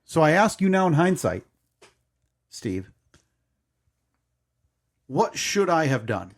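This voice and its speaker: With a slightly high voice, big swings in pitch and a slow pace, a thirty-something podcast co-host recounts a story. His casual storytelling rambles and hesitates, full of self-corrections.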